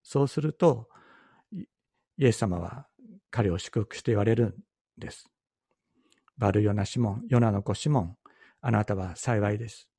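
Husky-voiced pastor teaching scripture. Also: male voice, lowish voice, dark tone, no room sound. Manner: measured, explanatory, repeats key phrases. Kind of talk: Bible teaching sermon.

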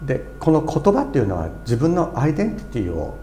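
A man's voice: mid-range voice, wildly swooping pitch, fast talker, dark tone, a little hiss or hum. A middle-aged man preaching a sermon in an earnest, explanatory way, with fillers and restarts as he goes. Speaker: pastor.

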